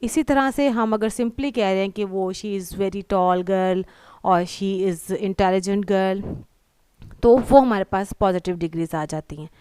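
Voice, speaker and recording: A woman's voice: medium pitch, slow, dark tone, smooth, no room sound. A woman teaching English grammar in Hindi-Urdu, patiently repeating example words and checking that students follow. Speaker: English tutor.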